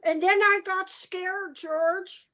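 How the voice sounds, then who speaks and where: Woman as fretful frightened uncle, extremely high voice, slow drawn-out delivery, woeful, radio play. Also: fairly even intonation, pushed and bright, exaggerated voice. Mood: panicked. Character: flustered, frightened bank worker named Uncle Billy. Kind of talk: amateur radio play acting.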